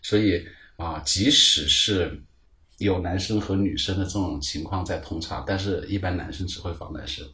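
A man in his thirties, a podcast guest, explaining things at length in a relaxed way with lots of fillers. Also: deep voice, moderate pace. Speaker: guest, club founder. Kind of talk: casual chat. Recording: roomy echo.

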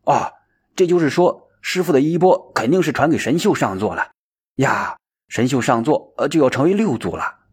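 A man's voice: medium pitch, moderate pace, husky. A man voicing an impulsive young male monk who talks eagerly and bluntly. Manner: excited, blunt.

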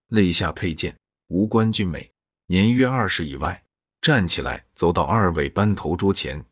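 A man reading a classical Chinese novel aloud in a steady, even storytelling manner. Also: deep voice, slightly rough, no room sound, clean studio sound.

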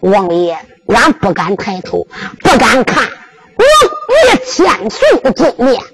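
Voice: medium pitch, very animated, slow pace, a bit bright, heavily acted. A storyteller playing a humble young warrior with a Henan accent. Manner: pleading, deferential. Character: young warrior, humble and blood-soaked, earnest.

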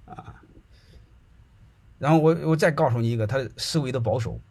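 A man's voice: medium pitch, moderate pace, darkish tone. A middle-aged man telling anecdotes to an audience in a chatty, colloquial way, often asking whether listeners follow. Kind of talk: casual storytelling to an audience.

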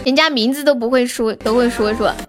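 Young female streamer, high bright voice, cutesy and playfully dramatic, music playing behind. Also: brisk. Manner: playful, cutesy, melodramatic pleading. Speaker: live streamer. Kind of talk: casual livestream chat. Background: background music.

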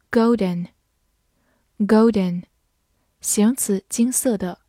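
A woman reading out a scripted English vocabulary lesson, repeating each word slowly and then giving its part of speech and meanings. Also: mid-range voice, warm tone, no room sound, clean studio sound. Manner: slow, deliberate word-by-word drilling.

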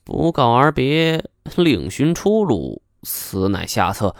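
A man's voice: mid-range voice, sing-song, creaky, dry recording, studio quality, full character voice. A man putting on a sly, smug middle-aged schemer. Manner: wheedling, teasing, drawn-out sayings. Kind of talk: audiobook character voice.

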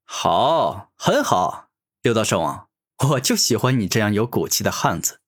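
A man voicing a cocky young male hero who taunts his enemy, with a husky voice. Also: lowish voice, sing-song, a little slow, full character voice. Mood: mocking. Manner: taunting, sneering.

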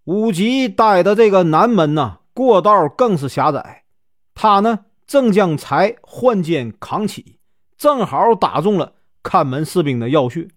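A man's voice: high-pitched, expressive, no room sound, studio quality. A male storyteller with a Northeastern Mandarin accent, telling a classic tale in a chatty, folksy way. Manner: chatty, many drawn-out filler particles.

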